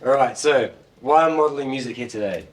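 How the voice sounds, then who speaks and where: Here a software developer, middle-aged and New Zealand-accented, talks tech informally in a meeting room, standing by his laptop and a screen. He speaks a little fast at a medium pitch, self-deprecating and jokey, repeating words frequently. The audio comes from a mic placed far off in the room.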